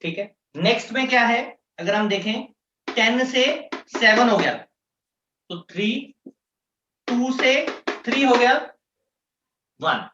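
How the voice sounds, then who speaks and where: A man teaching economics, explaining step by step and slowly repeating key terms. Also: very high voice, expressive, bright, forceful tone, a little hiss or hum. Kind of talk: classroom lecture mixing Hindi and English. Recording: echoey room, distant mic, dull sound.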